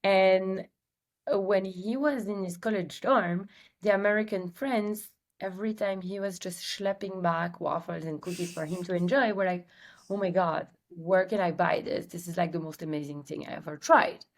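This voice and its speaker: A woman from Belgium with a Belgian accent, a company's CEO and guest on an interview podcast, telling her story in a lively way with many filler ums. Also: on the low side, moderate pace. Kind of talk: casual interview chat.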